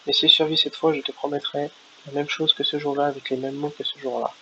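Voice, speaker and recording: A man voicing a quiet, loyal giant of a friend, reading game dialogue aloud in a solemn, promising tone, on a lo-fi recording. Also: fairly high pitch, flat delivery, quick pace. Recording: lo-fi with faint hiss.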